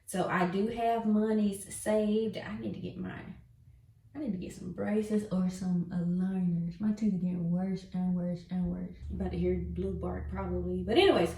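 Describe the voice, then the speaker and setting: A woman's voice: on the low side, fairly even intonation, normal speed, vocal fry, warm tone, slightly rough. Candid young woman chatting to her viewers. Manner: candid, rambling, talks to viewers while doing makeup. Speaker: vlogger and former teacher. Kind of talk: casual chat vlog.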